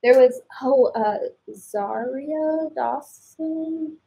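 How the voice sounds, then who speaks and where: A woman's voice: sits high, drawn-out words, gravelly, dark tone, low-quality recording. A woman hosting a casual fashion color chat, upbeat and explaining things to viewers. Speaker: color analyst host.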